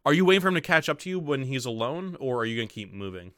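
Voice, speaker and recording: A man's voice: mid-range voice, sing-song, very fast, a bit bright, no echo, clean studio sound. A man narrating a tabletop game as game master, with lots of "um" and "like" as he describes the action. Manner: filler-heavy, describes action with "like".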